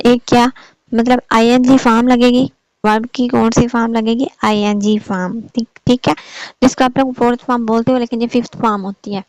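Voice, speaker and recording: A woman giving an online grammar lesson, explaining step by step and checking in with "okay" after nearly every point. Her voice sits a little high. The recording is dry and close, with no room sound. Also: little pitch movement, normal speed, darkish tone, dry recording, poor audio. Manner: explains patiently, repeats "theek hai" often. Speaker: English teacher.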